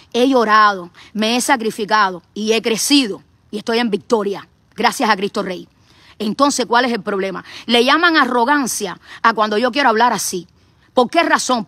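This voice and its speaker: A woman's voice: on the high side, sharp tone, no room sound. A middle-aged woman from Cuba with a Cuban accent, giving an impassioned live stream as an activist streamer. She speaks in a fiery, repetitive, preacher-like way.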